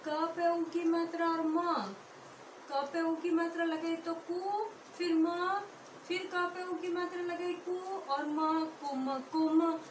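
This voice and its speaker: Slow, high-voiced woman teaching phonics. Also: steady tone. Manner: sounds out syllables slowly, asks and answers her own questions. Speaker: pre-primary teacher. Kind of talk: slow classroom phonics lesson. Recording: echoey classroom with faint noise.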